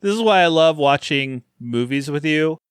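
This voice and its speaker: A man hosting a podcast in casual chat, animated and laughing often as he acts out movie moments. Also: on the high side, moderate pace, smooth, no room sound, clean studio sound. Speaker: podcast host. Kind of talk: casual chat reviewing horror films.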